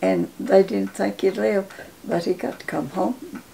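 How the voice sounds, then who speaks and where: A very old woman in her nineties tells stories with a Southern Appalachian accent. Her voice is heavily gravelly, and she goes haltingly and repeats words. There is faint room noise behind her. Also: medium pitch, warm tone. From Appalachia, southern United States. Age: 90s. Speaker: interviewee telling life story. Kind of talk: casual reminiscing. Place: home living room, indoors.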